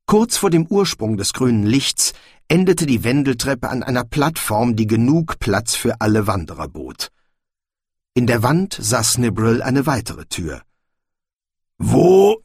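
A man narrating an audiobook in scripted storybook style, with expressive, shifting intonation. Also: mid-range voice, slightly rough, no room sound. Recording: dry, close audiobook recording.

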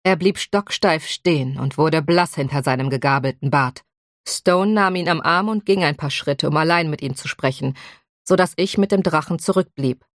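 A woman narrates a first-person audiobook in an even, measured storytelling voice. Her voice sits low, and the sound is dry and close with no room. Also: dry recording.

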